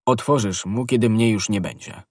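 Man reading an ardent hot-headed young guardsman, low husky voice. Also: normal speed, dry recording, clean studio sound, natural voice. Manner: ardent, impulsive.

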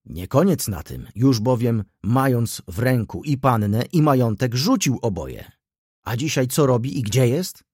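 A man's voice: mid-range voice, lively intonation, measured pace, darkish tone, breathy edge, dry recording, clean studio sound. A man voicing a stern, ironic middle-aged male doctor who talks in a brusque, scolding way, in an audiobook reading.

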